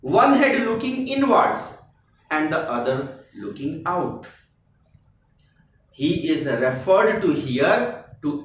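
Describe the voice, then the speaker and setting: A man teaching a play, paraphrasing each line slowly and repeating himself, often checking with "okay". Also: medium pitch, lo-fi sound. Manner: slow, repetitive paraphrasing, frequent "okay" checks. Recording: very echoey room, voice far from mic, faint noise.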